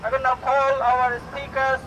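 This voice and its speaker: A man opening an outdoor demonstration as its organiser, speaking publicly in short halting phrases. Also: extremely high pitch, flat delivery, muffled recording. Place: outdoor demonstration in a city street. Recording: noisy outdoor street, distant mic, crowd.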